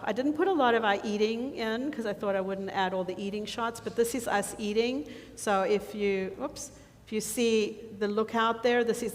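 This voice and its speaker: A woman presenting a mission trip slideshow to a church congregation, chatty and full of ums, often losing her thread and starting over. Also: medium pitch. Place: church sanctuary. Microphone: handheld or lapel mic. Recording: reverberant church hall, faint noise.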